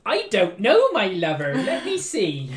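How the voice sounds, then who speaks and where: A woman's voice: mid-range voice, huge pitch swings, unhurried, roomy sound, voice pushed up. A woman voicing Lorelei, a female adventurer in a tabletop game, with a put-on Welsh accent. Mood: playful.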